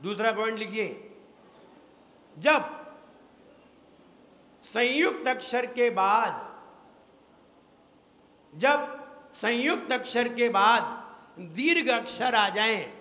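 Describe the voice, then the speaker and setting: A Jain monk teaching Sanskrit recitation in a classroom lesson. He speaks slowly, repeats each rule several times and quizzes his listeners, with chanted verses in between. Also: sits high, expressive, pushed and bright. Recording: dull, echoey hall recording.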